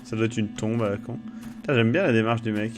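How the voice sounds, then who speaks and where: A man's voice: lowish voice, fairly even intonation, quick pace, music in the background. Chatty young man streaming a game. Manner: chatty, swears often, reads text aloud. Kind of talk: casual live-stream commentary.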